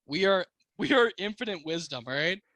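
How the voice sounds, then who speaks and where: A man's voice: high-pitched, lively intonation, fairly quick, sharp tone, dry recording. An American man co-hosting a casual podcast, talking like a slangy, swearing frat bro. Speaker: car podcast co-host.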